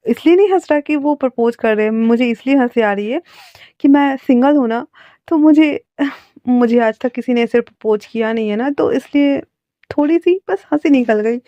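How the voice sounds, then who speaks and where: A woman's voice: fairly high pitch, moderate pace, dry recording, lightly acted. A woman voicing a cheerful, chatty young florist who teases his friend, in a dull lo-fi recording. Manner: chatty, teasing.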